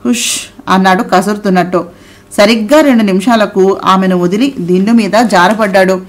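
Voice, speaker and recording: A woman narrating an audio novel in a steady storytelling read. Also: mid-range voice, normal speed.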